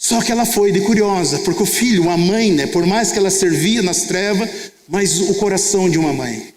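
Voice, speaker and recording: Male pastor, very high voice, storyteller who acts out the dialogue, roomy hall sound. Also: normal speed. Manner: storytelling, acting out both sides of dialogues. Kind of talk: testimony sermon. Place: conference church hall.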